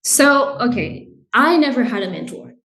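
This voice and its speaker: A woman's voice: on the high side, very animated, moderate pace, fairly bright tone, echoey room, poor audio. A woman who grew up in Haiti, the guest in an interview, explaining her work in an earnest, conversational way. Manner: earnest, explains with "right?" and "you know". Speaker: guest, brand director.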